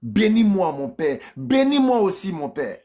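A man's voice: high-pitched, very animated, measured pace, dark tone. A man voicing a grieving young son who begs his father, repeating the plea in a raised, crying-out tone. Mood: pleading, bitter.

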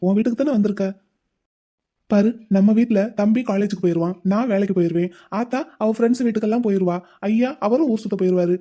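For a Tamil cartoon, a woman with a mid-range, dark-toned voice close to her everyday one speaks fast as a caring, playful young man. Chatty and teasing, he coaxes his crying older sister.

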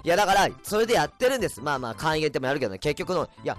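A man chatting on a casual home livestream, a bit tipsy, reading comments with a rambling, erratic manner and sudden loud outbursts. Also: on the high side, big pitch swings, rapid-fire, soft background music. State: tipsy from drinks. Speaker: livestreamer, band vocalist. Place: at home, indoors. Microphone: cheap desk mic.

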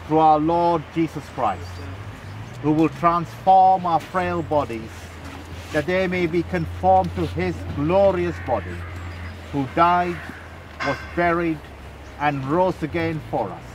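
A man leading a burial service outdoors, reciting set prayers slowly and solemnly. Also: on the high side, background noise. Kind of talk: liturgical graveside committal. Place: outdoors at a graveside.

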